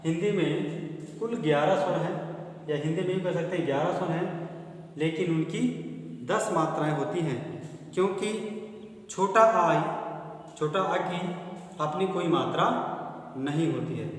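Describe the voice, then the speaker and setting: Echoey Hindi teacher in a hall. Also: male voice, a little high, measured pace, pauses often. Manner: asks questions and answers them himself, repeating key terms. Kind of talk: Hindi grammar lesson. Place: classroom or school hall. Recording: strong echo, long hall reverb.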